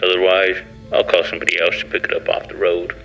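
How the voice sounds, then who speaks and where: A man voicing a gruff, drunk rural ex-convict in a scary story, with a gravelly voice and a folksy, offhand manner. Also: low voice, monotone, quick pace, bright, forceful tone, highs cut off, full character voice. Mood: casual, wary. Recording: music behind the voice.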